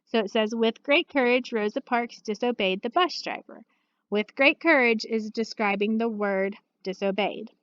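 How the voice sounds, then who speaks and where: A woman teacher walking students through a recorded grammar lesson, patient and steady, checking in often with "okay.". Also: fairly high pitch, moderate pace, clean tone, muffled recording. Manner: patient, steady, uses many "okay" and "all right" check-ins. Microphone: computer mic.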